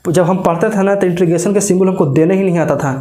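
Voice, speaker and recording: A man's voice: high-pitched, steady tone, fast talker, dark tone. A man teaching a maths coaching class, chatty and often checking whether his students follow. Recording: echoey classroom.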